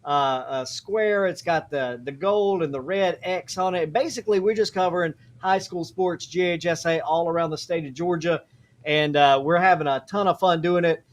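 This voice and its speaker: A man's voice: fairly high pitch, moderate pace. A man who co-hosts a sports podcast and talks in a joking, plain-spoken way. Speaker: co-host, high school sports broadcaster. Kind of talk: casual live-stream sports chat.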